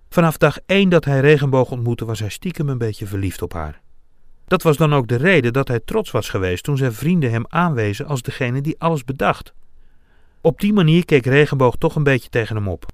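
Male storybook narrator, lively pitch, dry close mic. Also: no echo. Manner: expressive, dramatic. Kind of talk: children's storybook reading.

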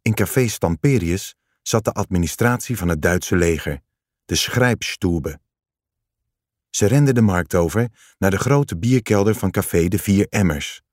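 A man reading a story aloud in calm, measured scripted narration. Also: deep voice, no echo, studio quality.

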